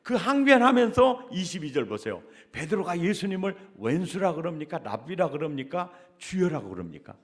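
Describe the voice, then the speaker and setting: A man preaching a revival sermon, exclamatory and animated, repeatedly calling the congregation for amens. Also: on the high side, normal speed, hardly any pauses. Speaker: pastor.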